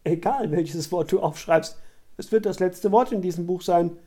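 A reader voicing an ancient, blind male star researcher who gently urges a girl on, in a storybook reading. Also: mid-range voice, normal speed, close to an everyday voice. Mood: coaxing.

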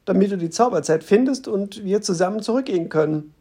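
A narrator doing a stubborn young woman who questions and presses hard. Her voice is a little husky and breathy, read aloud as part of a story. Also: mid-range voice, expressive, quick pace, dark tone. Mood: insistent. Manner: questioning, insistent. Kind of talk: audiobook reading.

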